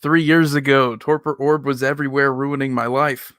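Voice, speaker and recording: A man with an average-pitched voice gives casual reaction commentary. He rambles conversationally and is critical of himself. The recording is dry, with little room sound. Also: level tone, moderate pace, fairly bright tone, clean tone, no room sound. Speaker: video host reacting to own old videos.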